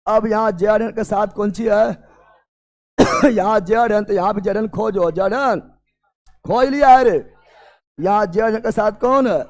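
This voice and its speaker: A male teacher running a chemistry class, firing the same questions again and again and often shouting or half-singing. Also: high voice, vocal fry. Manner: loud drilling questions, often shouting and sing-song. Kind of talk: classroom chemistry lesson with call-and-response.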